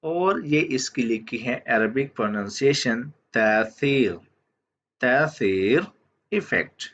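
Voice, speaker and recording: Slow, patient male language teacher. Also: mid-range voice, animated, fairly bright tone, a little hiss or hum. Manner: repeats each word slowly, often says "theek hai". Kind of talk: slow vocabulary lesson. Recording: dull lo-fi audio.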